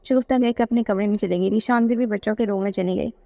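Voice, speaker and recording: A woman reading a romance novel aloud, episode by episode, in a calm, steady way. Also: medium pitch, fast talker, creaky. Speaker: storyteller.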